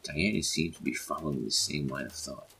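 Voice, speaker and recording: A man narrating a horror story in a measured storytelling manner. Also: very deep voice, creaky, pushed and bright, slightly rough.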